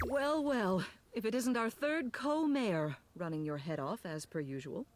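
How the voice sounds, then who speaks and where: An actress playing a responsible, chiding co-mayor character in a video game. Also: female voice, mid-range voice, animated, measured pace, lightly acted. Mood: chiding concern.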